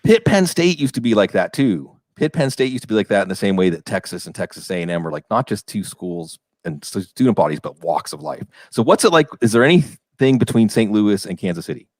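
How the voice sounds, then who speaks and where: A man's voice: fairly low pitch, big pitch swings, a little fast, few pauses, dry recording, clean studio sound. A man from western Pennsylvania hosting a fantasy football podcast, rambling and asking questions in a casual chat. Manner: talkative, rambling, asks questions.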